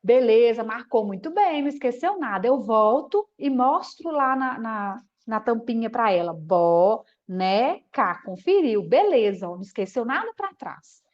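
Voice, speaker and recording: A woman with a high voice gives an explanatory online talk to teachers. She checks in with her listeners often and slows to a crawl when she breaks a word into syllables. The stream audio is dull and lo-fi. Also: expressive. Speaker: teacher educator. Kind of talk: live online lecture.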